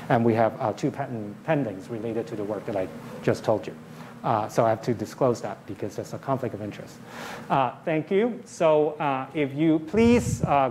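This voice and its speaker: A man's voice: mid-range voice, a little mellow, a little hiss or hum. A man giving a public university lecture, explaining points plainly and often checking in with the audience. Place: lecture hall.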